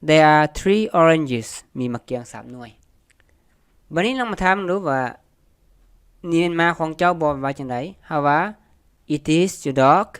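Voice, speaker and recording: An English teacher with a Lao accent, whose first language is Lao, gives a beginner lesson and says each English word slowly twice. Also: medium pitch, expressive, clean tone, no room sound, clean studio sound.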